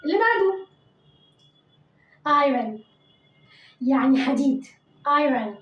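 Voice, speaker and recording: High-pitched egyptian lady teaching kids english vocab, says each word again and again, roomy echo. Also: very animated, highs cut off. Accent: Egyptian Arabic. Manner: repeats each word slowly, coaxing pupils to say it after her. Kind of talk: vocabulary lesson for children.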